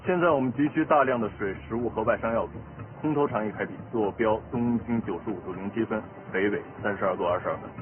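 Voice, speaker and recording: A man's voice: fairly low pitch, fast talker. Sex: man. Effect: tinny two-way radio. Figure: a man playing a rescue leader. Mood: urgent. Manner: urgent, clipped field report. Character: male rescue squad leader reporting from a disaster zone. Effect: crackly two-way radio transmission. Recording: tinny radio-band sound with clear music behind.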